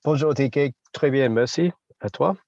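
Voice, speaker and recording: A man's voice: medium pitch, moderate pace, darkish tone, no echo, dull audio. A man from Australia with an Australian accent, speaking French as a second language, hesitant and searching for words as an interview guest. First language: English. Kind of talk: casual interview chat.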